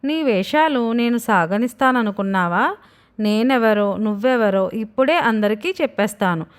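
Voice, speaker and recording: A woman's voice: on the high side, animated, moderate pace, natural voice. A woman voicing a stern middle-aged father, now in his young son's body, who talks indignant and complaining.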